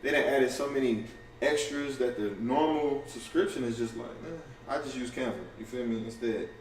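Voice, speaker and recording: A man in a casual livestream to camera, talking fast and loosely with lots of slang, profanity, restarts and "you feel me" asides. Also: medium pitch, slight background noise. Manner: fast and offhand. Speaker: content creator going live. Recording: roomy, distant camera audio with faint ambience.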